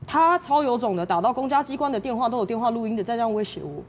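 A woman's voice: expressive, rapid-fire, slightly rough. A woman with a Taiwanese Mandarin accent, a talk show guest, animatedly telling a personal story and acting out the voices of the people in it. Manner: acts out quoted voices, jumps high in pitch when upset.

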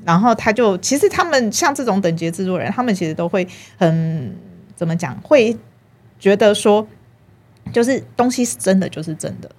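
A woman, a film marketing producer chatting as an interview guest and telling animated stories about her work. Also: mid-range voice, normal speed. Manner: animated storytelling, acts out her own past thoughts. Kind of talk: casual interview chat.

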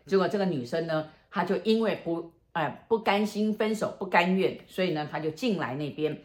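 Fortune teller type: lower-voiced woman, Taiwanese Mandarin accent, exclamatory ghost-story chat, roomy echo. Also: a little fast. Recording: echoey room.

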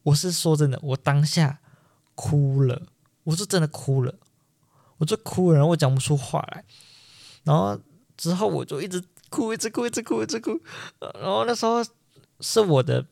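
A man's voice: on the high side, moderate pace, gravelly, long pauses, a little mellow, no room sound, studio quality. A young man with a Taiwanese Mandarin accent, hosting a podcast and telling a personal story in an earnest, emphatic way that repeats things for stress. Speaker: podcast host.

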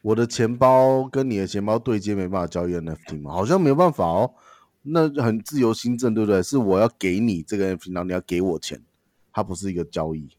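A man's voice: on the low side, animated, fast talker, a little mellow, no room sound. A man co-hosting a podcast in casual discussion, questioning and rephrasing the points. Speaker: podcast co-host.

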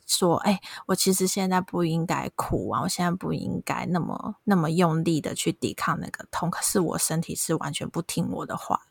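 A woman in her thirties with a Taiwanese Mandarin accent, hosting a casual chat and telling a story in an animated way. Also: sits low, normal speed, gravelly, few pauses, slightly rough, no echo, studio quality. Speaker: podcast host.

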